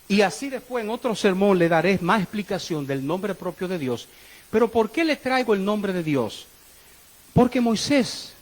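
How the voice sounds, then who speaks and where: Male preacher, sermon, high voice, lively pitch, loud-to-quiet swings, questions to the congregation. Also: rough recording. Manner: dramatic swings between loud exclamations and low murmurs.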